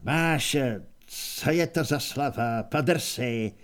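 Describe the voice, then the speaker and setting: A man voicing an old barbarian hero who speaks gruffly, calmly and plainly. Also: mid-range voice, lightly acted. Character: old barbarian hero, blunt, calm and pragmatic.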